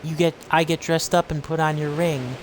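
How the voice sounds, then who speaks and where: A man voicing a gentle young woman heroine in his own voice, reading game dialogue in an earnest, soft way. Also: fairly high pitch, steady tone, normal speed, a little hiss or hum, close to an everyday voice, low-quality recording. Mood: wistful.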